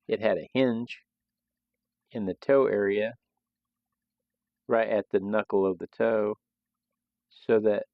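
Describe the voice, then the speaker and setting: Man, gravelly voice, dry close sound, dull lo-fi audio, casual live-stream chat, rambling with restarts. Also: fairly low pitch, no room sound. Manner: loose, rambling delivery with frequent restarts. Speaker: host of a live sketching stream. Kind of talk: casual live-stream talk while drawing.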